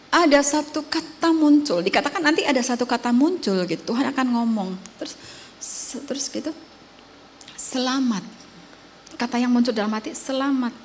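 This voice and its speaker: A woman preacher giving a conversational sermon, moving between emphatic and hushed delivery. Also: sits high, slight background noise. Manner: conversational testimony, shifting between loud emphatic and soft hushed.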